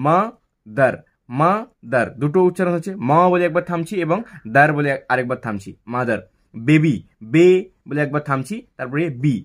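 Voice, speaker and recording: Man teaching syllables in a raised voice. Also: a little high. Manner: repeats words slowly, syllable by syllable; asks questions then answers them. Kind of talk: explaining English grammar lesson.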